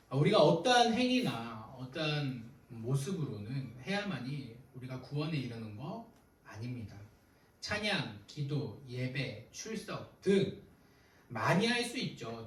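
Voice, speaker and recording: Young man, youth pastor, sermon, conversational, animated pitch, roomy distant sound. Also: unhurried, slight background noise. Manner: conversational preaching, retelling arguments with quoted dialogue. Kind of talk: sermon to teenagers. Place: church sanctuary.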